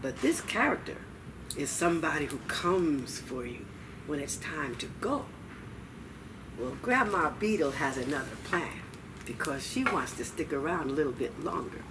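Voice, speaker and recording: An older woman with a low voice tells stories to children in a library, reading slowly and expressively and pausing for effect. Recorded indoors in the children's room from a distance, the clip carries noisy ambience.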